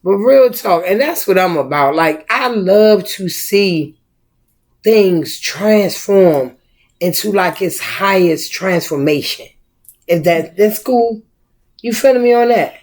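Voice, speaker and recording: A woman's voice: medium pitch, animated, takes it slowly, a little mellow. A middle-aged woman, a mother co-hosting a casual family chat, talking emphatically and asking rhetorical questions like a preacher. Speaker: mother and co-host.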